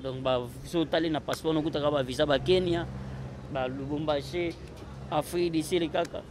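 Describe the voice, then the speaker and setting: A man in his thirties with a Congolese accent speaks fairly quickly in a rather high, fairly even voice. He's a casual interview guest who switches between languages, recorded on a handheld interview mic outdoors amid noise.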